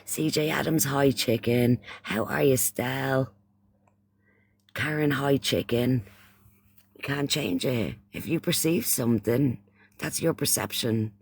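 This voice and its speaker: Husky and slow, with vocal fry at medium pitch, the voice belongs to an Irish-accented man from Ireland hosting a laid-back livestream chat. He repeats phrases often and addresses people with pet names. The recording has no echo.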